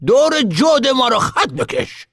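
A man voicing a rowdy, mischievous, boastful old grandfather with a gravelly voice in an audiobook. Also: extremely high pitch, big pitch swings, a bit bright, no room sound, clean studio sound, pitched above the performer's own voice, exaggerated voice.

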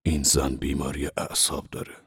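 A gruff, stubborn old man who grumbles and brushes people off, as a male audiobook reader voices him. The voice sits very low and sounds close and dry. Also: monotone, fairly bright tone, dry recording, exaggerated voice. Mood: curt dismissive. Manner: blunt, irritable, dismissive.

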